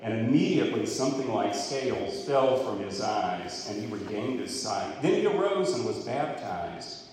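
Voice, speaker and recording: A man preaches, reading scripture aloud and then explaining it conversationally as expository Bible teaching. His voice is fairly low and a little mellow, echoing through a hall with long reverb.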